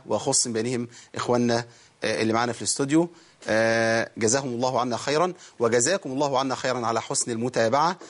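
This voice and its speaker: A man with an Egyptian Arabic accent teaching Quran recitation in a TV studio lesson, quizzing viewers quickly and then drawing out the words slowly. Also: mid-range voice.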